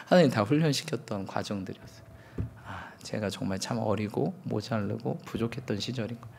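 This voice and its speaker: A man's voice: lowish voice, gravelly, a little mellow. A man in his thirties, a pastor preaching a sermon, telling candid self-mocking stories and acting out quotes.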